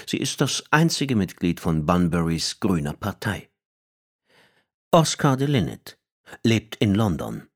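A man reading an audiobook in measured, expressive scripted narration. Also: low-pitched, slightly rough.

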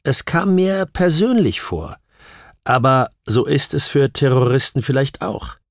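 A man's voice: mid-range voice, animated, a little slow, dry recording, pitched above the performer's own voice. A man voicing a shaken young woman, a hesitant witness who falters and sometimes drops to a whisper, in an audiobook reading. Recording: dry close studio sound.

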